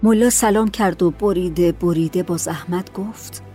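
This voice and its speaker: Calm low-voiced woman reading a story. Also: faint music behind. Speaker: narrator. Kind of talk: scripted audiobook narration.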